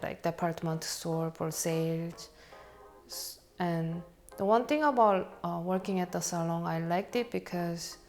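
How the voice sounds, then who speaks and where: In a documentary interview, a Korean-accented woman who speaks English as a second language recounts her life as a barber, stumbling through phrases and chuckling at herself. Her voice sits on the low side, with vocal fry and a darkish tone.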